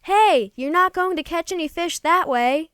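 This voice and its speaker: A woman's voice: very high voice, a little slow, a bit bright, no room sound, clean studio sound, pitched above the performer's own voice. A woman voicing a big, friendly male Bigfoot in a children's storybook, hearty, teasing and sure of himself. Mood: friendly, eager. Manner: hearty, teasing, bossy helper. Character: big friendly male Bigfoot, jovial, confident forest fisherman.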